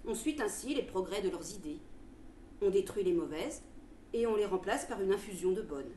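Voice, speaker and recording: A woman voicing a learned, gently condescending male doctor of the future in a theatrical story reading. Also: mid-range voice, expressive, normal speed, recorded from a distance, voice pushed down, close to an everyday voice. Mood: gently lecturing. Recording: roomy with faint background noise.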